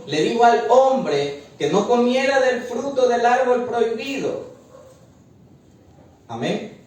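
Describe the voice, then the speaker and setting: A man's voice: very high voice, lively intonation, slow pace, darkish tone. A male preacher teaching a Bible study, explaining patiently and often ending his points with "amén". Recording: very echoey room, far from mic.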